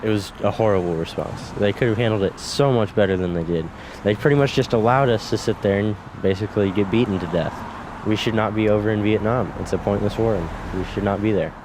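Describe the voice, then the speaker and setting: A man's voice: lowish voice, fast talker, background noise, lightly acted. A man playing an aggrieved young college protester answering in a news interview. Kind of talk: acted street interview.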